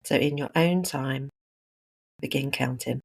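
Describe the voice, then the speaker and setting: An instructor leading a guided breathing meditation, speaking calmly in short, unhurried phrases. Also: medium pitch, vocal fry, slightly rough.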